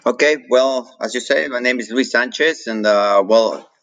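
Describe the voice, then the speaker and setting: A man's voice: medium pitch, normal speed, fairly bright tone, no room sound, low-quality recording. A man with a Mexican accent, chatting casually as an interview guest and rambling with many fillers and restarts. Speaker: guest, coffee roaster.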